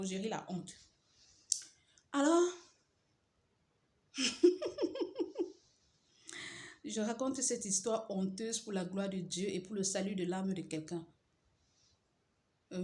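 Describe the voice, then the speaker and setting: Woman, religious witness; low voice, dramatic repetitions, faint room ambience. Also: slight background noise. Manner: dramatic, repeats phrases, drops to hushed tones. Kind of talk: religious personal testimony. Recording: roomy echo with faint ambience.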